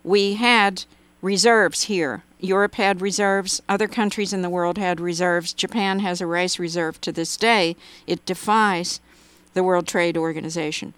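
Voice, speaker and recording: A woman's voice: on the low side, fairly even intonation, measured pace, fairly bright tone, clean tone, dry recording. A woman speaking as a guest in a radio interview, giving long run-on answers with emphatic asides. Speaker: interview guest, policy commentator.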